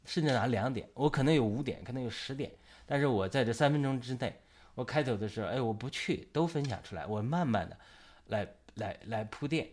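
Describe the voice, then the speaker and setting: A man's voice: mid-range voice, lively intonation, a little fast, a little mellow. Guy hosting a church talk show, voice rises and falls all over, rambles on with lots of fillers. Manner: rambling, many fillers and restarts. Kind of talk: casual church discussion.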